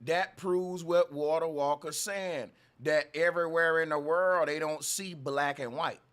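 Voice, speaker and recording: A man with a somewhat high voice and argues in a casual panel debate. He talks over others, repeating phrases to hold the floor. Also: fairly even intonation, measured pace, fairly bright tone. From United States. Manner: interrupts, emphatic, repeats phrases.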